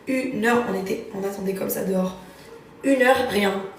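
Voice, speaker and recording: A young woman hosting a live stream, telling a story in lively, slangy casual talk. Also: medium pitch, normal speed, a little hiss or hum. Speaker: livestream host. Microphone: phone. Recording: roomy, far from the phone mic.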